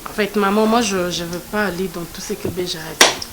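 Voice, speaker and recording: A woman's voice: fairly low pitch, fairly even intonation, a little fast, a bit bright, natural voice, poor audio. A woman, speaking in a hurt, hesitant way. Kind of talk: film acting. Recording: clicks and background noise.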